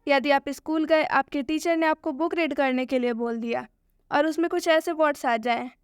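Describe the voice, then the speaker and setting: A woman's voice: high-pitched, normal speed, no room sound, studio quality. A woman introducing an English pronunciation lesson, asking the viewers rhetorical questions. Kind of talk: scripted video introduction.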